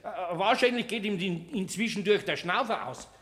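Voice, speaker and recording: An actor playing a flustered master carpenter, stammering in a Bavarian accent, in a radio play. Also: male voice, sits high, normal speed, fairly bright tone, big-room sound.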